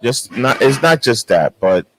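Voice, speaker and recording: Man, talk show co-host, mid-pitched voice, halting delivery, lots of restarts. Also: sing-song, slight background noise, rough recording. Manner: halting, with many restarts and fillers. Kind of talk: casual panel chat.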